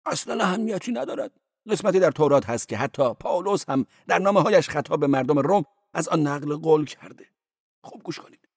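A high, sing-song male church porter who giggles, gushes and preaches at whoever will listen, as a male reader puts him on. His voice swoops up and down with lively, lecturing delight. The audiobook sound is dry and close. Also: dry recording. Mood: sly, gleeful. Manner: giggling, effusive and sly, lecturing.

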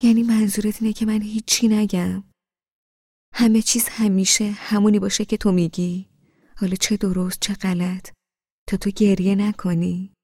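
A woman reading an audiobook, voicing a young husband who reasons with his wife in a soft, hushed voice. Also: medium pitch, flat delivery, no room sound, clean studio sound, lightly acted. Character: patient young husband, calm and reproachful.

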